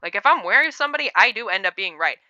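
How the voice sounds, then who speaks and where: A woman's voice: mid-range voice, expressive, very fast, sharp tone, no echo. A woman giving casual, rambling reaction commentary, opinionated and full of digressions. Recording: dull lo-fi sound, dry.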